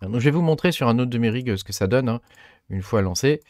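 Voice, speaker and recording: A man's voice: medium pitch, animated, quick pace, a little mellow, dry recording, studio quality. A man casually walking through a tech tutorial, hesitant, with many fillers and restarts and self-mocking asides. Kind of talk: casual screen-recorded tutorial.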